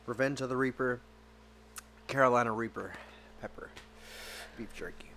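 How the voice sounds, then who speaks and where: A man hosting a casual podcast, excitable and swearing freely, teary from eating very spicy jerky. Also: medium pitch, moderate pace, slight background noise. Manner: excitable, swears a lot, yelps. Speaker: podcast host.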